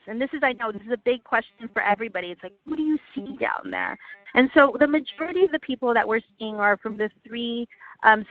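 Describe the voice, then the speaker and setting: A woman presenting slides in a webinar over a phone line, earnest and halting with frequent restarts. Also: a little high, no echo. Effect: heard over a phone line. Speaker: webinar presenter for a legal aid project. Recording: tinny, dry phone line.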